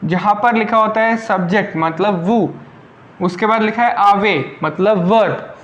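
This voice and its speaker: Male language tutor, high-pitched voice; methodical, repetitive explainer who quizzes the class. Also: a little slow, fairly bright tone, highs cut off. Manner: explains step by step, repeats key points, asks rhetorical questions. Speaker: French teacher. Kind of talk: online lesson explained in Hindi.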